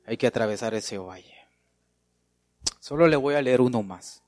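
A man's voice: medium pitch, normal speed, darkish tone, dry recording, studio quality. A man preaching a sermon, emphatic, repeating his phrases and calling out to the congregation.

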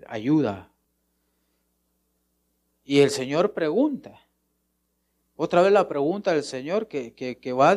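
A man preaching a sermon to his congregation, asking questions and answering them himself, and now and then softly acting out a short prayer. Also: a little high. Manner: acts out short prayers and replies in a softer voice.

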